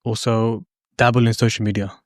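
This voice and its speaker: A man from Somalia, raised in the UK, speaking as an edtech founder guest in a measured, hesitant way. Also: on the low side, flat delivery, no room sound, clean studio sound.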